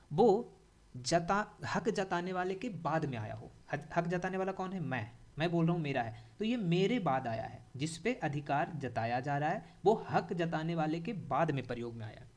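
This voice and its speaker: A man's voice: a little high, normal speed. Indian man, young adult, upbeat grammar teacher, repeats and quizzes the class. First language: Hindi. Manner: repeats key points, asks the class questions, animated.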